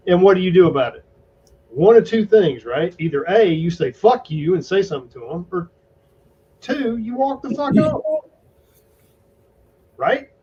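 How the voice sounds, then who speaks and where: A man's voice: sits high, sing-song, a little slow, pauses often, mellow, breathy edge. A man hosting a casual podcast chat, blunt and emphatic, with plenty of swearing. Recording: dull lo-fi recording.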